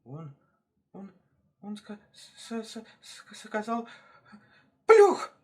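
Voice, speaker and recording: A man's voice: on the high side, expressive, moderate pace, darkish tone, voice pushed up, lightly acted. A man voicing a timid, frightened grey hare in a storybook tale, stammering in fright.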